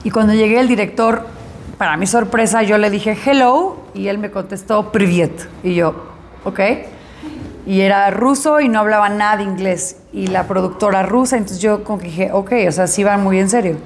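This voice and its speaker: Actress in an interview, woman, animated storyteller who voices the people she quotes, faint room noise. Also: mid-range voice, normal speed. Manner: animated, acts out dialogue in her story.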